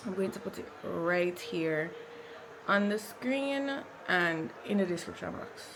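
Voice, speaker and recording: A woman's voice: fairly low pitch, expressive, slow, noisy background. A woman with a Jamaican accent chatting casually as a lifestyle vlogger, informal and slipping into Patois. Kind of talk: casual chatty vlog talk.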